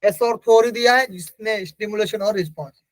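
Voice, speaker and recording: A man's voice: high voice, fairly quick, dry recording, rough recording. A man giving an exam-prep lecture. He asks the class questions, answers them himself and repeats key terms. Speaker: teacher.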